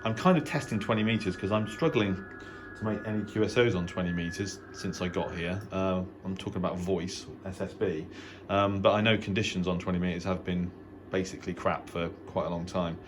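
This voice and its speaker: This is a casual, unscripted video tour of a home radio shack by a middle-aged English-accented man whose register is very low. He speaks a little fast with fairly even intonation, hesitating often and rambling understatedly into trailing asides, while background noise is clearly audible.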